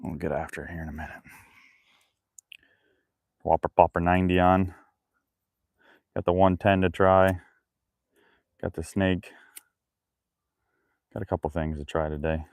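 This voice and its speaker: A man's voice: deep voice, fairly even intonation, measured pace, creaky, pauses often, dry recording, studio quality. A man chatting casually with live-stream viewers while he works outdoors by a creek, talking loosely between tasks. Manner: chats loosely with viewers while busy with his hands. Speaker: fishing livestreamer.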